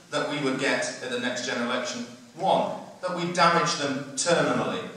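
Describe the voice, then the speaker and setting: Man telling a story then fired-up speech, bright sharp voice, boomy hall, camera way back. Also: slight background noise. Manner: storytelling, animated, rousing. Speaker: party speaker. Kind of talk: political speech with a joke. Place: hotel function room. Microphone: far camera. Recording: echoey hall from far off, faint murmur.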